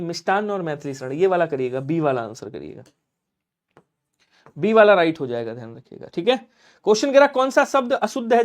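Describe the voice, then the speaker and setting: Lively high-voiced man teaching online. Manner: lively, coaxing students to answer, sudden loud emphasis. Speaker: Hindi exam teacher. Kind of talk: live online class.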